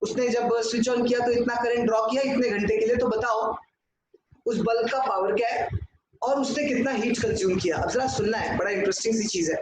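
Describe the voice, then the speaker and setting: A man's voice: extremely high pitch, fairly even intonation, brisk. A man teaching a class, working through sums on a board and putting questions to the students that he then answers himself. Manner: talks at a board, asks and answers his own questions, mixes in English. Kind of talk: classroom lecture. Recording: echoey room with clear noise.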